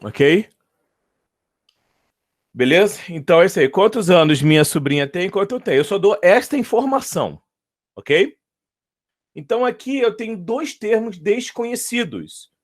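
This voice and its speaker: A man's voice: high-pitched, lively intonation, normal speed, long pauses. A man with a Brazilian accent, teaching a math lesson, patiently repeating his points and checking in with the students. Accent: Brazilian Portuguese.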